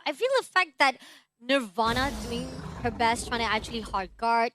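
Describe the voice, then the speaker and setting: A woman esports shoutcaster with a very high, piercing pitch calls the match live. Her delivery is excitable and runs on in long streams of play-by-play. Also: noisy background. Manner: excitable, breathless running delivery when action builds.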